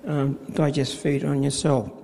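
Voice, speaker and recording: A middle-aged man tells his story of faith in a halting way, with many fillers and restarts, recorded in a church with a long reverb. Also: medium pitch, little pitch movement, vocal fry, mellow. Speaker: church volunteer administrator. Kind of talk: personal faith testimony in interview.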